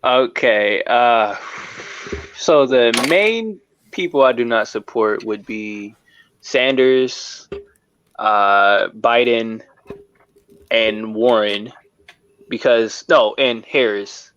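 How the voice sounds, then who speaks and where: A man joining a casual political stream as a guest, talking in an unhurried, halting way. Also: medium pitch, fairly bright tone, smooth, dry recording. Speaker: call-in guest. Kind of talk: casual discussion. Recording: dull, dry voice-call audio.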